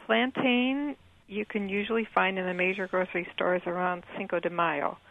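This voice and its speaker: A man's voice: sits high, fairly even intonation, moderate pace, gravelly. A man calling in to a radio show, speaking in a matter-of-fact, informative way over a tinny phone line.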